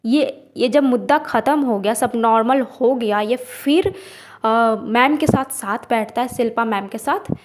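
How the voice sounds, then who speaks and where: High-voiced woman ranting reviewer. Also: a little slow. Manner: indignant, ranting, mixes English words. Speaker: reality show reviewer. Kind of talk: casual video commentary.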